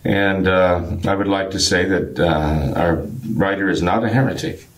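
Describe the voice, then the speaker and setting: A priest with a very low, harsh and gravelly voice, roughened by a cold. He explains doctrine in an interview, choosing his words deliberately, with hesitations and drawn-out words. The man sounds like a pastor patiently working through an argument point by point. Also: fairly even intonation. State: getting over a cold. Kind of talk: religious discussion, explaining doctrine.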